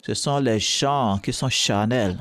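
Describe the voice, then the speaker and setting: A man's voice: mid-range voice, takes it slowly, fairly bright tone, no room sound. A man preaching a sermon, emphatic and exhorting, with short repeated calls to the listeners.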